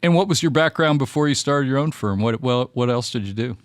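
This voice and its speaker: This time the fifties-aged podcast host sounds lively and fairly quick, his medium pitch captured in a dry recording. He delivers a scripted intro with friendly polish before moving into relaxed interview conversation with his guest.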